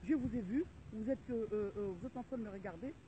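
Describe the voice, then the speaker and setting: A woman's voice: a little high, fast, warm tone. A middle-aged woman making an indignant, rallying video appeal to viewers, repeating her calls again and again. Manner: indignant, repetitive, rallying cries. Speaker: vlogger addressing viewers. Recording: tinny phone-like audio with faint noise.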